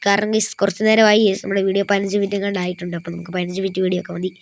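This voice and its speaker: A woman's voice: medium pitch, level tone, very fast, gravelly, no room sound. A woman giving casual gameplay commentary in Malayalam mixed with English words, constantly addressing viewers as guys. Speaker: gaming video creator and player. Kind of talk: casual gameplay commentary of a bus driving game.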